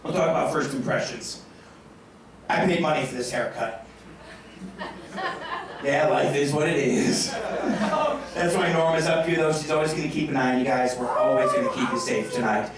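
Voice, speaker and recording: A stage hypnotist with a fairly high, expressive voice jokes brashly and crudely with volunteers before a live audience, speaking at a moderate pace with frequent pauses. The large room is very echoey, the mic is far away, and a crowd can be heard in the background.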